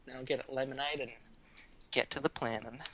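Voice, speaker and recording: A man's voice: mid-range voice, fairly even intonation, fairly quick, a bit bright, lo-fi sound. A young Australian man in casual, laid-back chat, swearing freely as he banters.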